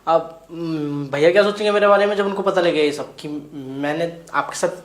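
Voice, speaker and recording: In an echoey room, a woman with a deep voice performs Hindi web series dialogue at a moderate pace, lightly acted. She voices a flustered young man, the brother-in-law, who protests, exclaims, and lectures preachily.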